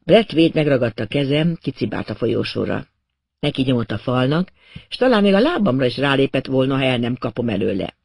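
A man narrating a first-person crime novel as an audiobook, in a wry, measured way. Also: mid-range voice, big pitch swings, creaky, a little mellow, no room sound, clean studio sound.

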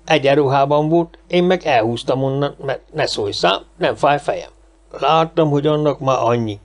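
A man's voice: fairly high pitch, lightly acted. A man voicing a chatty, boastful homeless man in an audiobook, rambling and gossipy. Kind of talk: audiobook character reading.

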